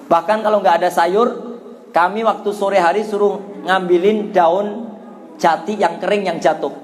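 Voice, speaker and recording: A middle-aged man with a Javanese accent delivers an Islamic sermon in a high, bright voice. He tells stories animatedly and acts out childhood voices and shouts as he goes. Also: fairly even intonation, unhurried. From Java, Indonesia. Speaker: Islamic preacher. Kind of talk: sermon with personal storytelling.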